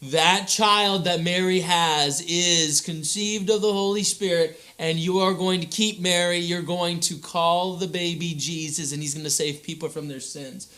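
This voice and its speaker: A man voicing a calm heavenly messenger who speaks slowly and softly to reassure. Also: sits high. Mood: soothing. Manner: soothing, slow and soft.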